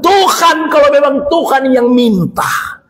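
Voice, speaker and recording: A man voicing an anguished elderly patriarch who shouts tearfully, with a Manado Malay accent. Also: very high-pitched, a little slow, noisy background. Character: anguished elderly patriarch, torn but obedient. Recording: echoey hall with long reverb.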